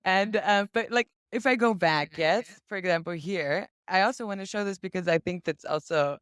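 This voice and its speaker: A woman guest on a video call explains a casting website in a relaxed, chatty manner, acting out a sample search as she explains. Her voice is fairly low and smooth, moving at a normal speed. It's a dry recording.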